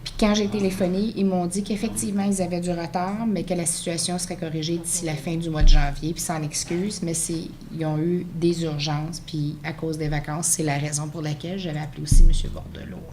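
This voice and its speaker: A woman's voice: fairly low pitch, level tone, brisk, hardly any pauses. A woman with a Quebec accent explaining herself at a public meeting, insistent and repeating her points. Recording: faint meeting-room noise.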